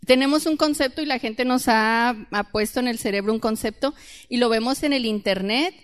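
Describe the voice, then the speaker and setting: A woman's voice: fairly high pitch, fairly quick, clean tone. A woman teaching a church Bible class, often quizzing the group and repeating her key points. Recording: reverberant hall.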